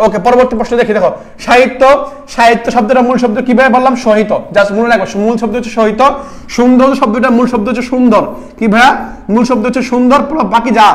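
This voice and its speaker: High-pitched fast-talking tutor. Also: male voice. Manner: quizzing students and repeating answers; sings short song lines to make a point. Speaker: admission test tutor. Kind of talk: casual exam-prep lesson.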